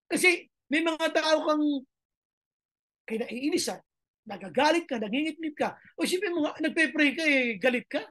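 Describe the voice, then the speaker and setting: A woman's voice: high-pitched, animated, moderate pace, a bit bright. A woman pastor preaching a sermon, emphatic and repeating her phrases. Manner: mixes Tagalog and English, emphatic, repeats phrases.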